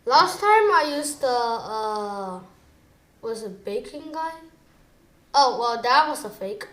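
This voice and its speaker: A woman giving chatty, excitable commentary while playing a video game, switching between low muttering and sudden exclamations. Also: slow pace, reverberant. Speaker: gamer. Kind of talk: gameplay commentary.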